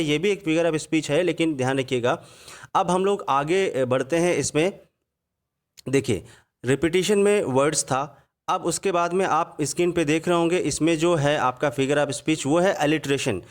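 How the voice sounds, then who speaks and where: A man with a slightly high voice gives an online grammar lesson in Hindi. He explains patiently and drops into slow, careful reading whenever he quotes an English example. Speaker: English teacher. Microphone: voice-over on slides.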